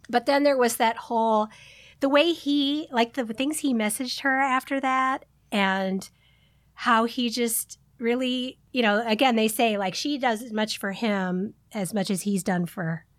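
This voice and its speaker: Animated chatty woman, dry close sound. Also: normal speed, no echo. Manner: animated, gushing, big pitch swings when quoting. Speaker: podcast co-host. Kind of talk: casual chat.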